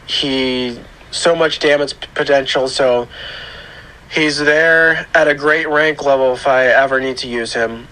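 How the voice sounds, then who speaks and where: Guy doing a chill game account tour, rough grating voice like a sore throat, kinda slow and halting. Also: medium pitch, steady tone, sharp tone, poor audio. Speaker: gaming channel host. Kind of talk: casual video game account tour commentary.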